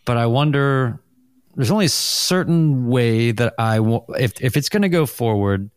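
A middle-aged man hosts a casual podcast over a video call, talking in loose, rambling runs and often laughing at himself. His voice sits at a middling pitch and sounds dry and close to the mic. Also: animated, moderate pace, smooth, no echo. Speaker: podcast host.

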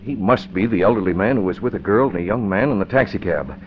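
Decisive crime-fighter hero played by a male actor, very deep, firm, old radio drama, muffled with faint noise. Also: lively intonation, fast, lightly acted. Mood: serious, decisive. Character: decisive, serious crime-fighting newspaper publisher. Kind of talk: mid-century radio drama acting. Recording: dull, faintly noisy old radio recording.

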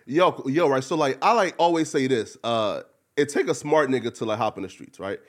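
A man's voice: mid-range voice, brisk. A man interviewing in a casual, slangy, hyped-up bro style, peppering his talk with bro, like and right. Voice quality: slang-heavy speech.

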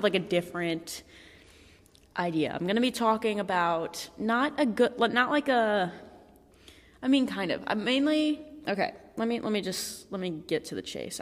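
An eighteen-year-old woman hosts her own podcast and tells a story in a loose, rambling way, restarting her sentences often. Her voice sits a little low, and it rings out in an echoey room with a long tail of reverb. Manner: rambling, with many restarts and fillers. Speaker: podcast host. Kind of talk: casual storytelling monologue.

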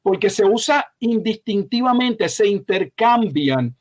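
Pastor guy with a high voice, slow deliberate teaching, keeps stressing what's false. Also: expressive. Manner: emphatic, corrective, measured explanation; slow, deliberate delivery with frequent hesitations. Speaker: pastor, guest expert. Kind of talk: teaching interview answer.

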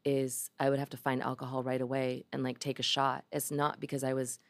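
A woman's voice: rumbling low, level tone, brisk, no room sound. A woman in her forties talking openly and emotionally in a podcast conversation, swearing freely. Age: 40s.

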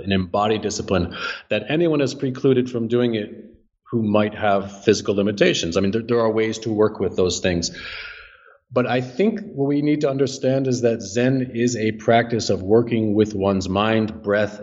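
A man who is an author and Zen teacher, answering interview questions in a measured, earnest way and often repeating words as he thinks. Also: lowish voice, a little mellow, dull audio. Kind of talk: podcast interview.

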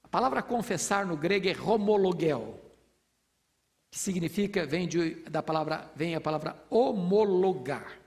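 Gravelly high-voiced preacher. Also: male voice, expressive, normal speed, darkish tone. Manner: teaching with rhetorical questions, rising to fervent proclamation. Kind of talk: expository sermon.

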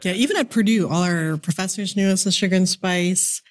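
A woman in her forties from the Philippines talks as a guest, telling stories with energy. Her voice is somewhat low, and her telling is lively and chatty. She often laughs mid-sentence. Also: fairly quick. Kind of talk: casual interview chat.

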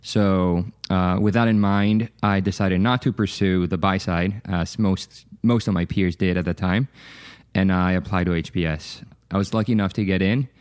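Deep-voiced man, smooth and dry. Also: no room sound. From Chile. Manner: relaxed, fluent storytelling with occasional fillers. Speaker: podcast guest. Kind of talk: conversational interview.

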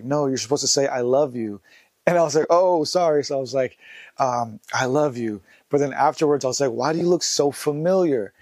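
A man's voice: medium pitch, darkish tone, no echo. Chill young guy telling a long story, kinda slangy, dry mic, mid voice. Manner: laid-back, rambling, slangy. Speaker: vlogger. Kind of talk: casual storytelling monologue.

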